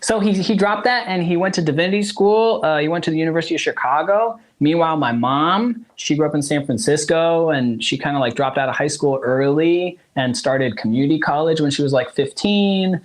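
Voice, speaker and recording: Telling his family's story, a musician in his forties from South Africa, whose first language is Zulu, rambles through a casual interview with lots of laughter and restarts. He talks fairly quickly with few pauses, in a voice on the high side.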